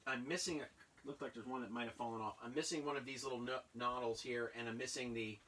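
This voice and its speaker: A man in his thirties chatting casually and rambling with excitement as he unboxes old toys in a cluttered basement room. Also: mid-range voice, fast talker, recorded from a distance. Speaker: toy collector vlogger. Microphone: camera a few feet away.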